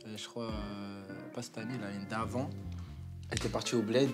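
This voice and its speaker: A man telling a story to friends in a casual, halting way, full of slang and fillers. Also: lowish voice, fairly even intonation, over music. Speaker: guest.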